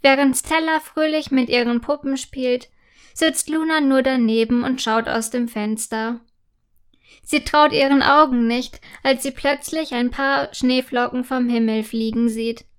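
Slow, gentle woman reading a children's story. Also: sits high, steady tone. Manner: slow, gentle and clearly articulated. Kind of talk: scripted children's story narration.

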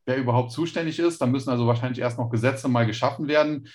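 A man's voice: mid-range voice, fast, darkish tone. A man speaking as a podcast guest, explaining things at length with frequent hesitations. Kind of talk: casual interview chat.

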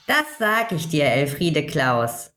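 A woman voicing a gentle, kind little male Christmas elf, who speaks in soft soothing rhymes. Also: deep voice, sing-song, slow pace, heavily acted. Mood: comforting. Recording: roomy echo with faint music.

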